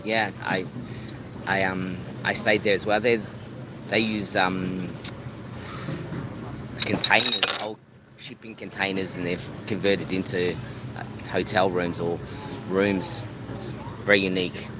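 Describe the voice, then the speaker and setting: A travel vlogger with a fairly low, level voice rambles casually on a phone live stream from a beachside spot, going slowly and pausing often. He repeats words as he restarts, and clear street and vehicle noise runs underneath.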